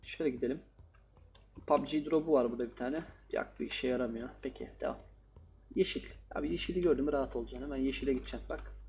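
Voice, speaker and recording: A man's voice: mid-range voice, fast talker, a little mellow, a little hiss or hum. A man playing a horror game and commenting casually, joking and talking back to the characters on screen. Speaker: gaming YouTuber.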